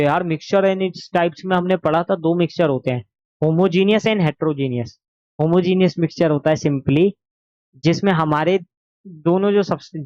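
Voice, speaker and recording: A man's voice: fairly high pitch, a little mellow, dry recording, lo-fi sound. Sore-throated man teaching a lesson. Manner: explains patiently, asks and answers his own questions. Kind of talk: exam revision lesson.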